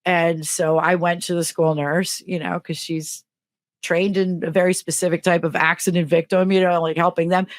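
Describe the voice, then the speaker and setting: Lower-voiced middle-aged woman telling a funny story. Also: normal speed, no room sound. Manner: animated, acts out quotes with big pitch jumps. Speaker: podcast co-host and teacher. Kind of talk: comedic storytelling in casual chat.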